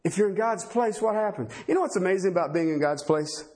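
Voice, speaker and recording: A man's voice: high voice, lively intonation, fast, a little mellow. A man preaching a sermon, asking rhetorical questions and acting out the voices of biblical figures.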